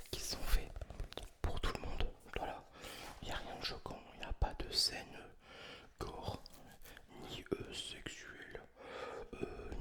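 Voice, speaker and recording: A person speaking entirely in a breathy whisper, close to the mic, presenting books in a casual, informal ASMR style. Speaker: ASMR video host. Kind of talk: whispered ASMR book review, casual chat.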